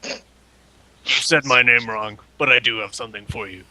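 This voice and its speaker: A man's voice: medium pitch, normal speed, pushed and bright, no room sound, low-quality recording. A man voicing a prickly male fixer contact who takes offence at his name. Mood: miffed.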